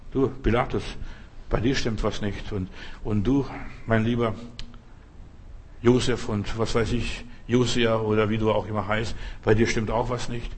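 Calm Jesus, low and quiet, husky, as a preacher puts him on. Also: male voice, unhurried. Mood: quiet rebuke. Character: calm male Jesus calmly rebuking his accusers.

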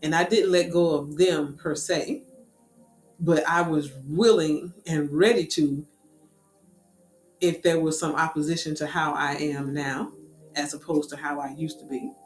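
A woman casually telling a personal story in a lively, animated way, with quick asides. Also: deep voice. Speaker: speaker sharing a personal story. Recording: echoey room with faint music.

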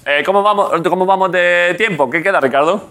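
A man with a Spanish accent hosting a late-night comedy show, joking quickly and tagging his lines with "¿eh?". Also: high-pitched, fairly bright tone. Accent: Spanish from Spain. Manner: quick, joking, repeats words and tags lines with "¿eh?". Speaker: talk show host. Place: TV studio with live audience. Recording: studio audience, crowd noise. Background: studio audience.

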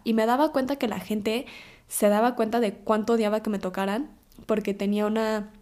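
A woman's voice: medium pitch, a little mellow. A young woman with a Mexican accent in her twenties, speaking an intimate, emotional personal monologue on her podcast. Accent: Mexican Spanish. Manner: emotional, confessional, teary at times. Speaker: podcast host.

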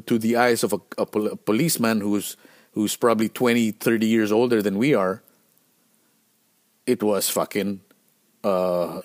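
A middle-aged man from the Philippines, hosting a podcast and telling road stories in a casual, animated, profane way with lots of fillers. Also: mid-range voice. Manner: profane, animated storytelling with many fillers and restarts. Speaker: podcast host.

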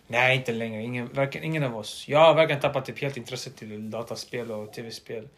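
A man's voice: medium pitch, a bit bright. A young man, co-hosting a casual podcast chat and rambling loosely through his stories. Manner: rambling, loose, drops into quoted asides. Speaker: podcast co-host.

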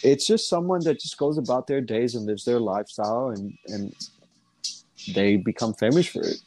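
A man's voice: medium pitch, normal speed, darkish tone, a little hiss or hum. A man talking in a casual podcast chat, rambling with lots of fillers, restarts and swearing. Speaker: guest rapper.

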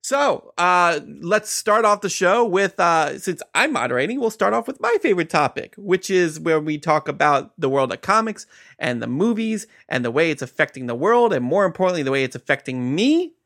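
A man's voice: on the high side, very animated, normal speed, a bit bright. A man moderating a casual podcast, introducing topics with banter.

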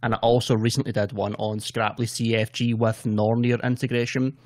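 A man's voice: mid-range voice, flat delivery, moderate pace, no room sound, clean studio sound. A Scottish man chatting casually in a self-deprecating way. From Scotland. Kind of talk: casual chat.

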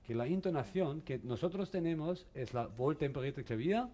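Halting man teaching a violin masterclass. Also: on the high side, lively intonation, warm tone. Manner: halting, mixes in English words, asks the class questions.

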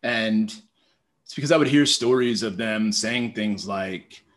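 A man in his thirties telling stories as a podcast guest, lively and conversational, acting out his own thoughts with lots of "like". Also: fairly low pitch, a little slow. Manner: animated, storytelling, acts out quoted thoughts, heavy use of "like". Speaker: podcast guest, public speaking teacher. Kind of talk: casual conversational interview.

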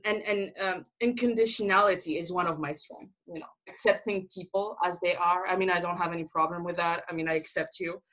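A woman's voice: lowish voice, fairly even intonation, brisk, hardly any pauses, a bit bright, rough recording. A woman from Algeria hosting a podcast interview, enthusiastic and chatty, laughing often. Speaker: podcast host. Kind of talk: casual interview chat.

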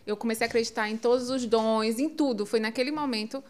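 A woman with a somewhat high voice tells a personal story in casual conversation. She talks in an animated way and laughs often. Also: fast.

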